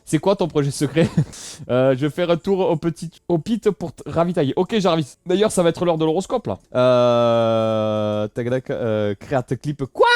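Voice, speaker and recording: Joking French streamer, dry close sound. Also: male voice, on the high side, moderate pace, darkish tone, no echo. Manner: jokey, thanks viewers often, slangy asides. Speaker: Twitch streamer. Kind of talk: casual live-stream chat reading viewer messages.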